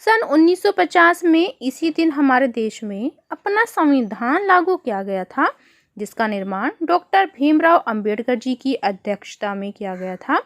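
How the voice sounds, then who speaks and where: High, lively teacher woman. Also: unhurried. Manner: warm, explanatory, addresses children as beta. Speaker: primary school teacher. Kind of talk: online worksheet lesson for children.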